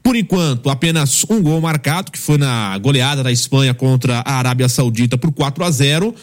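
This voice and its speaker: A man hosting a football panel, measured and pausing on fillers. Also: medium pitch. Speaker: host. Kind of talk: sports panel commentary.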